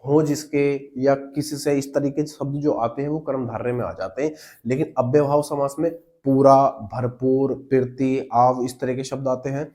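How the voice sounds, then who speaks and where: A man's voice: medium pitch, steady tone, moderate pace, mellow. A man teaching an exam-prep lesson, explaining step by step and answering his own questions, often calling the listeners brother.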